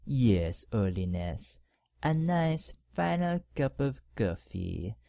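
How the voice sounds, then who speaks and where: An actor playing a power-hungry cardinal who talks to the pope in a condescending, mock-polite way in an audio drama. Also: male voice, medium pitch, very animated, slow pace, gravelly, warm tone, slight background noise, heavily acted. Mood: sneering.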